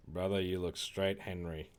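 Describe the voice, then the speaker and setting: A man's voice: deep voice, little pitch movement, measured pace. A young American man streaming a game, bantering casually with chat, laughing often and swearing. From United States. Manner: laid-back banter, laughs often, swears, mimics accents.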